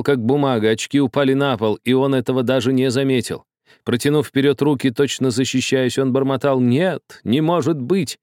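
A man narrating a story as an audiobook reader, in a measured, even way. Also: lowish voice, clean tone, dry recording, clean studio sound. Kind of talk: audiobook reading.

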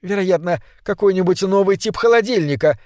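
A man voicing a nervous young wife who speaks softly and hesitantly. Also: high voice, brisk, no echo, clean studio sound, pitched above the performer's own voice, natural voice. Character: nervous young wife, soft-spoken woman.

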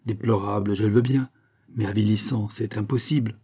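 Dark, calm, resigned king. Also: fairly low pitch, moderate pace, breathy edge. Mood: weary calm. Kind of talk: audiobook character reading.

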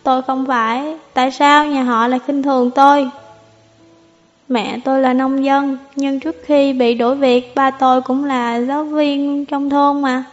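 A woman's voice: sits high, little pitch movement, a little slow, in a large hall. A woman voicing a drunk, heartbroken young woman who rambles tearfully, over faint music. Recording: slightly dull audio, faint music.

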